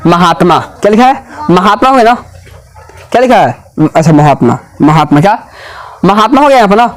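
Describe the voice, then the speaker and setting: A man with a high-pitched voice teaches a grammar lesson in a classroom. He keeps firing questions at the class and repeats each answer back to them. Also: lively intonation, a little fast.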